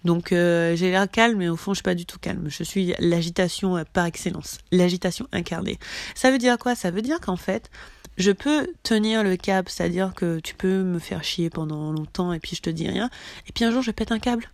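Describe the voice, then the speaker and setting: A woman's voice: lowish voice, moderate pace, gravelly, dry recording. Blunt, emphatic woman coach, dry sound. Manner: casual, blunt, emphatic, swears freely. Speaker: coach leading a group challenge. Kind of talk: motivational talk to camera.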